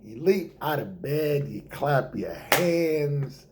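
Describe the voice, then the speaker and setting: Slow, theatrical stand-up man. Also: a little high, lively intonation, background noise. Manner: theatrical, slows for effect and drops to hushed asides. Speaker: stand-up comedian. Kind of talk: stand-up monologue.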